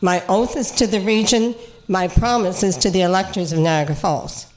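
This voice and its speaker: A woman's voice: medium pitch, normal speed, darkish tone, low-quality recording. An older woman from Cape Breton with a Canadian accent, speaking as a regional councillor in a conversational political interview, assertive and plain-spoken.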